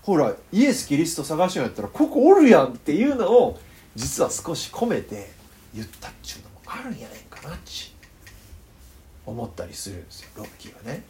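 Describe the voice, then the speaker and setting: A man with a northern Kyushu accent preaching a sermon, telling the story with animated, joking asides. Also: fairly high pitch, a little fast, slight background noise. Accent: northern Kyushu Japanese. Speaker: pastor.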